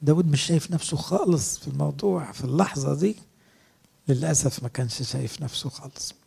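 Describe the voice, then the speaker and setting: A man's voice: a little high, quick pace, vocal fry, warm tone, breathy edge. A middle-aged man with an Egyptian Arabic accent, preaching a sermon as a priest, earnest and asking his listeners rhetorical questions.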